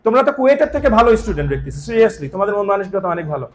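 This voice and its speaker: A male English teacher with a Bangladeshi Bengali accent, talking in a lively, teasing way to a college classroom and calling on students by name. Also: high-pitched, very fast, poor audio.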